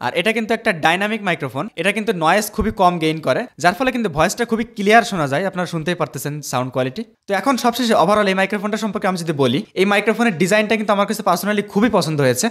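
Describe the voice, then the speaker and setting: Guy doing a mic review at his desk, talks quick, kinda high voice. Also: fairly bright tone. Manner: explanatory, addresses viewers directly. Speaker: tech reviewer. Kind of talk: product review and sound test. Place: at a desk indoors. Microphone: desk USB dynamic microphone on an arm stand.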